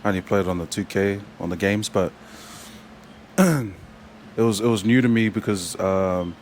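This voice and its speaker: A young New Zealand man, a rugby player, chats as a guest in a casual interview, halting often with fillers and restarts. His pitch is fairly low, and there's slight background noise.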